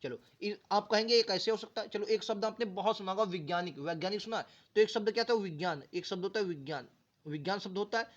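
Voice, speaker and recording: A man's voice: high voice, quick pace, lo-fi sound. A male teacher giving an exam-prep grammar lesson, sounding words out syllable by syllable and asking the students questions again and again. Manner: drills words aloud, repeats them syllable by syllable.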